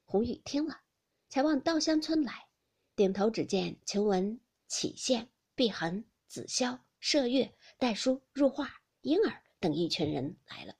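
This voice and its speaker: A woman reading a classic novel aloud as a narrator, with soft, breathy, half-whispered narration. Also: fairly high pitch, expressive, unhurried. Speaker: audiobook narrator.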